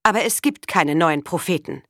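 A woman's voice: fairly low pitch, expressive, moderate pace, a bit bright, no room sound, clean studio sound. A woman reading the part of a strict, devout mother.

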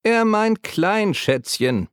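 Ein Mann spielt eine schrille, kichernde kleine Alte. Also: male voice, high voice, sing-song, slow, clean tone, dry recording, studio quality, pitched above the performer's own voice, full character voice. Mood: teasing. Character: shrill tiny old woman, teasing, cackling.

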